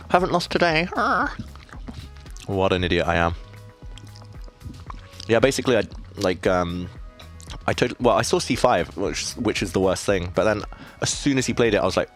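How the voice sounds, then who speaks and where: Male chess streamer, very low voice, chatty and self-mocking, faint music under him. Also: lively intonation, moderate pace, long pauses, a bit bright. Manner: self-deprecating, chatty, reads chat questions aloud. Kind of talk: casual live-stream commentary.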